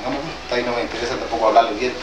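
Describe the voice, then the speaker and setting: A traditional healer whose first language is Mapudungun, from southern Chile, talks informally to a gathering in an indoor hall with an audience. He has a mid-range voice and a steady tone, and his plain-spoken delivery is halting and hesitant, with many restarts. The recording is distant, roomy and noisy, echoing through the hall.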